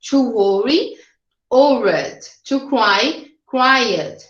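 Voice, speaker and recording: A woman's voice: a little high, expressive, extremely slow, fairly bright tone, echoey room, lo-fi sound. A woman teaching an English grammar lesson to her class, explaining patiently step by step and checking in with the students often. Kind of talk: recorded remote grammar lesson.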